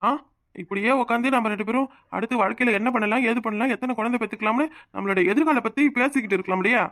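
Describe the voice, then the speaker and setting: A woman voicing an emotional young village husband in a cartoon, with a Tirunelveli Tamil accent, pleading and quick to flare up. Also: on the high side, fairly bright tone, no room sound, clean studio sound. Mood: earnest. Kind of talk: cartoon voice acting.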